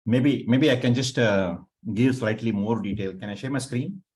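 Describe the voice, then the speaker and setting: A man explaining things informally on a video call in an online meeting, in a halting, repetitive way. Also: medium pitch, a little mellow. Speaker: working group participant presenting.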